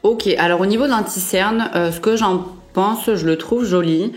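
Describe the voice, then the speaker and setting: A young woman beauty vlogger chats casually through a makeup review, her mid-range voice moving at a moderate pace over soft background music. She uses lots of fillers and often corrects herself.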